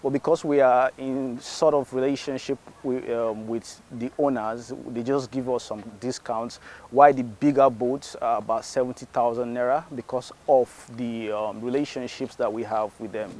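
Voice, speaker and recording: A man's voice: medium pitch, fairly even intonation, moderate pace, a little mellow. A man, talking unscripted in an outdoor interview. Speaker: activist interviewee. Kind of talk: spontaneous interview talk. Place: outdoors in front of a building. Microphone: clip-on lapel mic.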